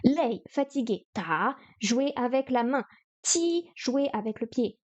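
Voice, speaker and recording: A woman's voice: fairly high pitch, expressive, takes it slowly, lo-fi sound. A woman on a live stream studying Chinese vocabulary, repeating words, counting strokes aloud and chatting to herself as she goes.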